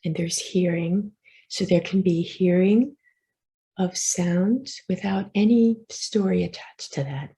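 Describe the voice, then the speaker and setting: Speaking as a meditation teacher, a woman with a lowish, gravelly voice offers gentle instructions slowly and soothingly, leaving pauses between them.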